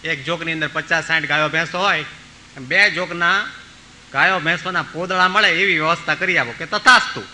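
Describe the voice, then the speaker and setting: Bright-voiced monk telling stories. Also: male voice, fairly high pitch, moderate pace, slight background noise, rough recording. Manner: acts out voices in his stories, pleading and commanding. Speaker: monk preacher. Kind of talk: storytelling sermon.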